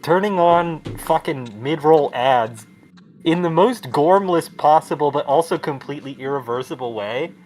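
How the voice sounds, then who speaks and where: A man's voice: on the high side, normal speed, darkish tone. A young man co-hosting a casual game stream, sarcastic and profane, rambling through banter. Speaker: streamer co-host. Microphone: headset.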